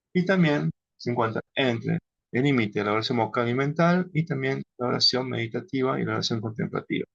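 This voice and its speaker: A man with a husky, gravelly voice teaches contemplative prayer at an unhurried, halting pace, often ending with a questioning tag. The sound is dull and lo-fi, and the room is dry. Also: mid-range voice, dry recording. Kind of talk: instructional talk on contemplative prayer.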